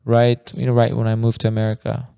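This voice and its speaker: A man's voice: mid-range voice, monotone, fast, creaky, mellow, smooth, dry recording, clean studio sound. A man in his twenties, from Afghanistan, co-hosting a podcast in casual chat, laughing often and telling stories in loose slang. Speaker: podcast co-host.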